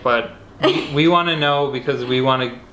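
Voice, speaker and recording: A man's voice: medium pitch, moderate pace. A man co-hosting a vlog, explaining plans for the channel in a loose, rambling way. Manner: rambling, relaxed, with restarts. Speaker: vlog co-host. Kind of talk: casual outro chat. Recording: echoey room, faint noise.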